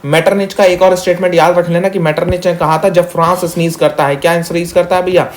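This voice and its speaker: Young man, slightly high voice, quick friendly exam-prep tutor who mixes English into Hindi. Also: flat delivery, a little hiss or hum. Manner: chatty, calls students "meri jaan" and "bhaiya", mixes English; talks fast on purpose. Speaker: teacher. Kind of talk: fast exam-revision lesson.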